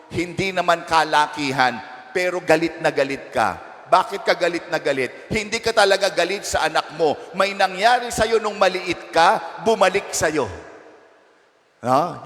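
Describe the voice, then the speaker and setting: A man's voice: high voice, fairly bright tone. A male parish priest giving a conversational homily in a church, teasing his listeners and asking them frequent rhetorical questions. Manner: playful, teasing asides. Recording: long church reverb.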